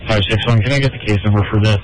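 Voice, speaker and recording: A man's voice: fairly low pitch, fairly even intonation, racing, no room sound, low-quality recording. A man working as an emergency responder, making procedural, matter-of-fact police radio calls over a two-way radio.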